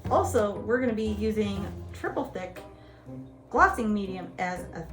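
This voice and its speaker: A woman's voice: mid-range voice, animated, normal speed. A woman hosting a spooky craft tutorial in a playful, conversational horror-host manner. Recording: music playing behind the voice. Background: music.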